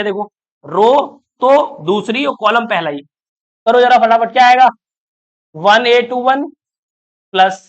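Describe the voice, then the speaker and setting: Very high-pitched and a bit bright, a man teaches math online, walking through each step aloud and counting terms. He constantly asks students if they follow and gently draws out their questions.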